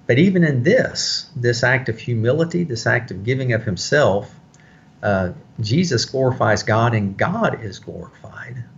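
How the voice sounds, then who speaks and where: Lower-pitched man explaining scripture. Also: dull audio, a little hiss or hum. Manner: explanatory, thoughtful, with frequent fillers. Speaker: Bible teacher. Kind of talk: conversational Bible study discussion.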